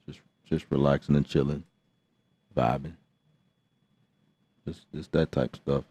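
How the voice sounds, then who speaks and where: A man with a warm, steady bass voice hosts a live beatmaking session, talking a little slowly. He chats in a laid-back, rambling way, full of fillers and restarts, like a casual live stream. The lo-fi recording sounds dull, with a bit of hiss or hum.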